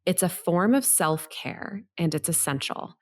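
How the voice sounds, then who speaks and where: A woman's voice: fairly low pitch, expressive, a little slow. A middle-aged woman hosting a health podcast with upbeat, tidy advice-vlogger delivery, encouraging and organized as she speaks straight to the listener.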